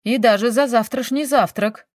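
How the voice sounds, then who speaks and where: A woman voicing a brisk, dryly teasing young woman, a detective, in an audiobook. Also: a little high, no echo, studio quality, natural voice. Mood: firm, teasing.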